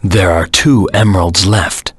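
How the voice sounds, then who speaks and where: A man voicing a brooding, vengeful hedgehog antihero in a video game, grave and terse with a gruff, husky voice. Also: low voice, fairly even intonation, a little slow, dry recording. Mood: grave recounting. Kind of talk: video game voice acting, dramatic monologue.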